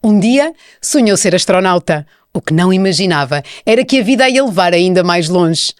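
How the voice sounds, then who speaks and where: A woman with a European Portuguese accent hosting a podcast, reading a measured introduction and then chatting with her guest. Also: fairly low pitch, lively intonation, no echo, studio quality. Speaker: podcast host. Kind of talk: scripted introduction then casual interview.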